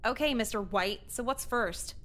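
An actress voicing an apathetic, sarcastic teenage girl in a video game, deadpan and crude. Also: fairly high pitch, moderate pace, natural voice.

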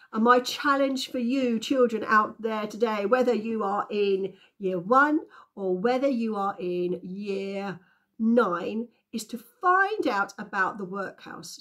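Woman tutor reading aloud. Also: mid-range voice. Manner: expressive storytelling, friendly teacher tone. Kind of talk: reading a children's story aloud and teaching.

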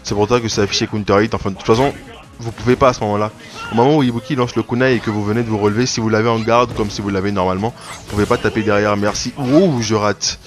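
A man giving casual play-by-play commentary on his own online fighting game matches, rambling, restarting his sentences and breaking into sudden excited outbursts. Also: fairly low pitch, quick pace. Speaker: gaming video creator. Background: game music.

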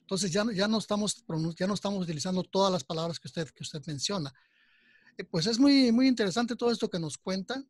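A male host puts polite, formal questions to his guest, often restarting his phrases. His voice sits a bit high and sounds dry and close. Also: quick pace, no room sound. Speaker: interview host. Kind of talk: interview talk.

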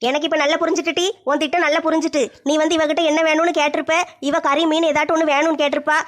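A woman's voice: high-pitched, flat delivery, natural voice. A woman playing a scolding, accusing mother-in-law in a comedy family skit. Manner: accusing, rapid-fire scolding.

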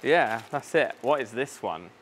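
A man's voice: mid-range voice, expressive, a little slow, fairly bright tone. A man hosting a casual unboxing vlog in his aquarium shop, chatty and enthusiastic, thinking aloud and tripping over plant names. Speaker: fish shop owner and video host.

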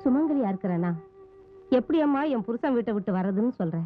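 An actress playing a fierce middle-aged mother who scolds her daughter in sharp, scornful tirades. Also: fairly high pitch, expressive, fast talker, lightly acted. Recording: dull old film soundtrack.

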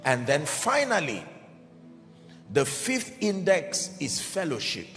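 A man preaching a sermon in an emphatic, deliberate way, calling out to his audience. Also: a little high, wildly swooping pitch, fairly bright tone. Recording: reverberant hall with faint background music.

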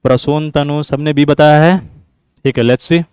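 A man's voice: a little high, steady tone, a little slow, darkish tone, clean tone, no echo. A man teaching an exam-prep class, explaining points over and over and quizzing his students. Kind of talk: classroom lecture mixing Hindi and English.

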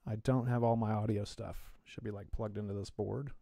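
A man's voice: fairly low pitch, steady tone, moderate pace, creaky, mellow. A man co-hosting a tech live stream in casual chat from his home office, hesitant and full of fillers, his audio coming through the left channel only. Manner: hesitant, with many fillers and restarts. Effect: audio heard in the left channel only.

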